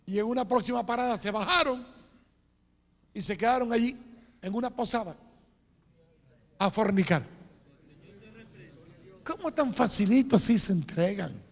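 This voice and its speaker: A man preaching a fiery sermon as a pastor, dropping low and then shouting, often calling out to his listeners as brother. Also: expressive, moderate pace, vocal fry, pauses often. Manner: fiery, swings between low asides and shouted cries; calls listeners "hermano" again and again. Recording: long hall reverb.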